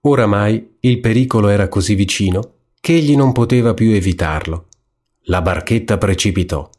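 A man narrating a classic fairy tale aloud in a calm, measured voice. He has a slightly lower pitch than most men, and he tells the story at an unhurried pace.

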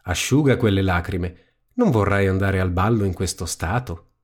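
A man's voice: sits low, moderate pace. A man voicing a kindly, round-faced little fairy godmother in a storybook reading, speaking sweetly and motherly.

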